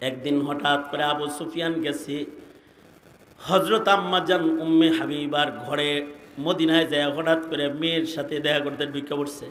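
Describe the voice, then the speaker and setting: A man preaching a sermon, moving between plain talk and long sung, shouted cadences that rise to a tearful cry. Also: on the high side, reverberant. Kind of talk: sung Bengali waz sermon.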